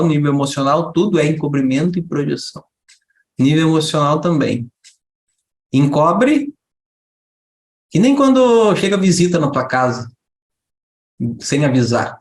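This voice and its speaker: A man giving a lively spiritual talk to a group, asking rhetorical questions and briefly acting out a child and a mother. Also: fairly high pitch, echoey room. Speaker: spiritual teacher.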